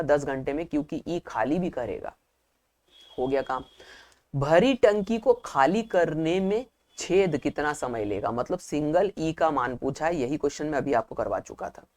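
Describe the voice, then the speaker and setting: A male teacher giving a math lesson for exam prep, explaining step by step and asking questions aloud that he then answers himself. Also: fairly high pitch. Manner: explains step by step, repeating key points.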